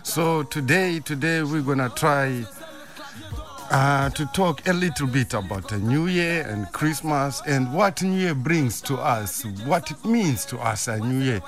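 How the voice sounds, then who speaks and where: A man's voice: mid-range voice, lively intonation, a little slow, a bit bright. Sing-song male radio host over music. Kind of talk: informal radio show presenting.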